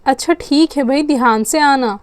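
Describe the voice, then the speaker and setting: A woman's voice: sits high, moderate pace, no room sound. A woman telling a doll story and voicing its characters, here coaxing in a soothing older-sister tone. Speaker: storyteller voicing all dolls.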